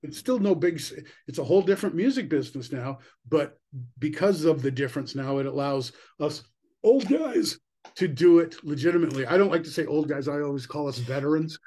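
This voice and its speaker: A man's voice: fairly high pitch, lively intonation, brisk, dark tone, breathy edge. A middle-aged man talking as the guest musician on a video call, rambling and enthusiastic with many "you know"s. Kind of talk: casual interview chat. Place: indoor room at home.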